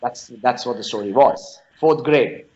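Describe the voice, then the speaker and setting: His medium-pitched, darkish voice unhurried, a man in his forties with an Indian accent responds to interview questions through anecdotes, often repeating words. He founded a storytelling non-profit, and the recording sounds dull and lo-fi.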